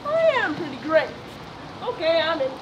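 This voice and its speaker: A woman's voice: high voice, normal speed, lo-fi sound, natural voice. A young-sounding female performer playing a vain, bossy, cowardly male lizard in a children's stage play, with broad theatrical delivery. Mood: self-satisfied. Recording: distant stage recording with loud background noise.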